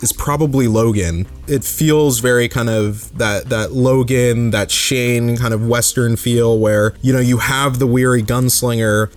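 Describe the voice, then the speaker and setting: Reflective male podcast host, casual and conversational. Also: mid-range voice. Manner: reflective, conversational, thinking aloud. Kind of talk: casual solo podcast review.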